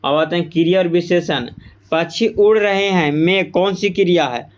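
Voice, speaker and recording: A man's voice: high-pitched, normal speed. A man teaching an exam-prep Hindi grammar lesson, repeating each answer and quizzing the class. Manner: repeats answers with quiz-style questions to the class.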